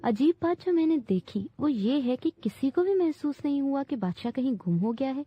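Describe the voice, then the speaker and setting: Woman playing a boy king, earnest, proud, higher voice, storybook, muffled dry sound. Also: expressive, mellow, no room sound. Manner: simple, earnest, commanding. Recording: dull dry recording.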